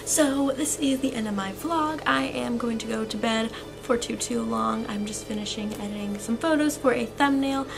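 A woman's voice: on the high side, moderate pace, vocal fry, poor audio. A teenage girl chatting casually in a travel vlog, upbeat and full of "super" and "so cute", filmed on a camera held at arm's length. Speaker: vlogger. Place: beach house kitchen, indoors. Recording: pop music playing under the voice.

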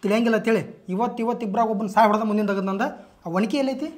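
A man with a North Karnataka accent, acting out an irritated uncle who scolds in loud bursts in a comedy sketch. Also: high voice, steady tone, rapid-fire, a little hiss or hum. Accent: North Karnataka Kannada. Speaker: comic actor playing an irritated uncle.

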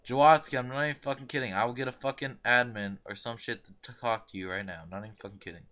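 A young man argues heatedly on an internet voice call, aggressive and profane, repeatedly demanding the same thing. His voice is medium-pitched, steady and a bit bright, and he talks fast.

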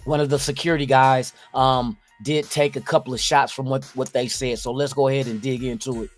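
A man's voice: medium pitch, little pitch movement, a little fast. A man in his forties hosting a podcast, giving casual reaction commentary straight to camera from a home studio. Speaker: podcast host. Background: music.

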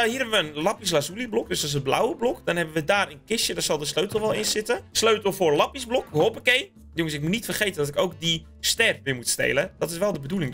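Excitable gaming host, bright high voice, chatty with his viewers, faint music underneath. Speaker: gaming YouTuber. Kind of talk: Minecraft let's-play commentary.

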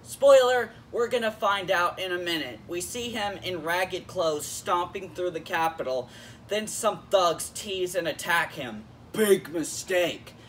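A man's voice: high voice, measured pace, fairly bright tone, far from the mic, a little hiss or hum. A man hosting a casual YouTube episode review in a jokey, playful way. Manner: jokey, playful, switches into silly voices.

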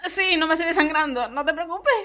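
Spanish woman gaming host, high bright voice, lively and excitable, self-mocking banter. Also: fairly quick. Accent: Spain Spanish. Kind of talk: casual let's-play commentary.

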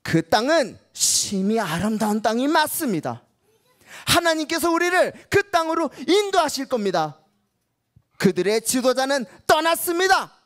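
A woman's voice: sits high, sing-song, normal speed. A woman voicing bold, faithful male scouts in a children's Bible story, speaking in an earnest, emphatic, insistent way.

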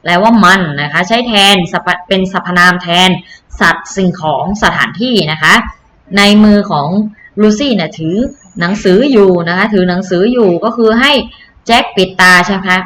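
A woman's voice: fairly low pitch, normal speed, a bit bright, slight background noise. A woman teacher giving an online English lesson to children, explaining patiently and repeating key phrases. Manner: patient, repetitive explaining with polite particles.

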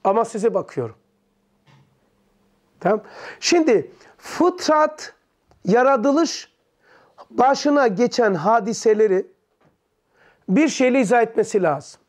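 Man with a high voice, religious study teacher, quizzes his listeners, explains terms simply. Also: expressive. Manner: quizzes listeners with quick questions and answers himself; explains terms in plain words. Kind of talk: teaching a text to a small group.

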